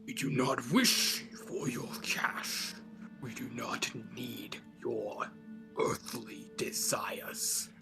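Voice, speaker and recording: A man doing a gravelly demonic whisper. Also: medium pitch, steady tone, over music. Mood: menacing. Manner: slow, drawn-out threats. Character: menacing demonic voice of a patron-aided warlock. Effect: demonic whispering voice, as if speaking with a patron. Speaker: player. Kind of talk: tabletop role-play character voice.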